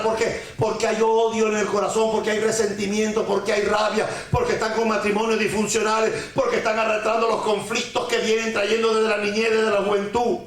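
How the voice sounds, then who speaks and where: This clip captures a man whose voice sits fairly high with a bright quality as he preaches on the weekly parasha, which is the Torah portion read each week. He leans on rhetorical questions, restates lines for effect, and mixes in Hebrew terms and folk sayings, all heard through the heavy echo of a very reverberant room.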